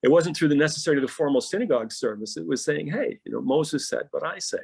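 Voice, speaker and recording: A man's voice: fairly high pitch, animated, fast, creaky, a little mellow, breathy edge. A middle-aged pastor in a podcast interview, telling stories animatedly and often repeating words as he starts a thought.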